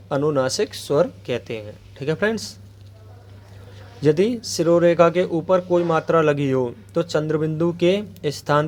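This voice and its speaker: A man's voice: on the high side, a little mellow. A man teaching an exam-prep grammar lesson, asking questions aloud and answering them himself, with frequent check-ins to viewers. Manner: asks rhetorical questions then answers them; repeats a check-in phrase to viewers.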